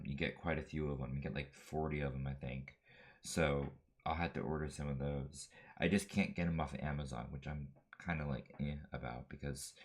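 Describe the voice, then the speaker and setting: A man casually chatting about his drawing, rambling with lots of fillers and restarts. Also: rumbling low. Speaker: vlogger.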